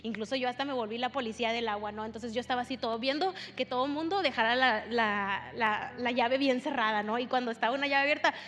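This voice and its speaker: Young woman preaching, high voice, chatty story, echoey church with faint music. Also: quick pace, hardly any pauses, fairly bright tone, a little hiss or hum. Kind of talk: sermon. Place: church hall. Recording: long hall reverb with faint music.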